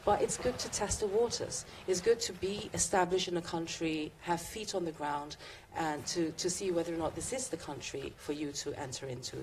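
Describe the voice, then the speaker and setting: Deep-voiced woman from singapore giving a talk, lots of ums, bit of background noise. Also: darkish tone. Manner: measured with frequent fillers and restarts. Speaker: barrister speaking at a business event. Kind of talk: conference presentation.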